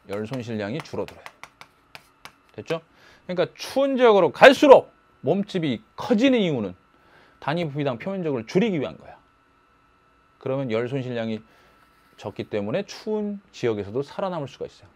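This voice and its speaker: A man teaching a high school biology lecture in a lively, playful way, breaking into sudden shouts and silly voices.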